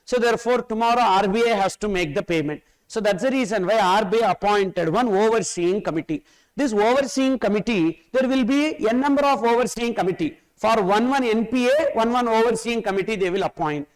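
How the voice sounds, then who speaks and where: A man's voice: sits high, fairly quick, rough recording. A man with a South Indian accent lecturing a class, emphatic and repetitive, often asking questions and answering them himself. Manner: emphatic, repeats phrases, asks and answers own questions. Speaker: tax course teacher.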